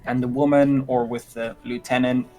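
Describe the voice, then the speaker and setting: A man's voice: mid-range voice, little pitch movement, normal speed, mellow, soft background music. A man giving casual commentary while playing a game, hesitant and giggly as he muses over choices. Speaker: let's-play player.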